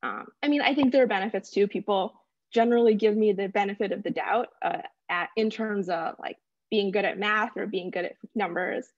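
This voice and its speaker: A young woman speaking as a panel guest, thoughtful and measured, with some filler words. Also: medium pitch, no echo, dull audio. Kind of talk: reflective panel discussion.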